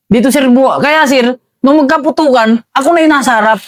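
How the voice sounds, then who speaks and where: A man, an army veteran, recounting combat in a casual interview, halting and calling the host "sir" again and again. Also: extremely high pitch, no echo.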